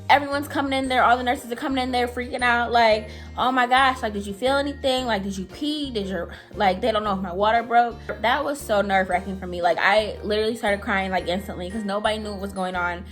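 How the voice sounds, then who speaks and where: A young woman vlogger tells a personal story in a mid-range voice, sounding anxious. Her style is casual and chatty, packed with "like" and "I'm telling you."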